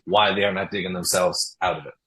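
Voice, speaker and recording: A man's voice: deep voice, fairly even intonation, fast talker, sharp tone, slight background noise, poor audio. A man speaking emphatically and plainly on a podcast about business chaos.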